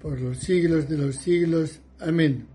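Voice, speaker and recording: Slow, mellow man reciting morning prayer. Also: a little high. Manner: solemn, measured recitation. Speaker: prayer leader. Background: soft music.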